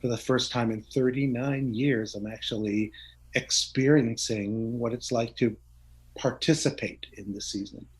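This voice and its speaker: A man's voice: medium pitch, steady tone, a little slow, soft background music, rough recording. A middle-aged man as an interview guest, talking openly and earnestly, often laughing and restarting his words. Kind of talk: reflective conversational interview.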